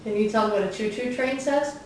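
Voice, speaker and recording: A woman in a home video slowly quizzing a toddler with sing-song questions and soft laughs. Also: a little high, slight background noise. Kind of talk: home video talk with a small child. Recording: roomy echo, mic off at a distance.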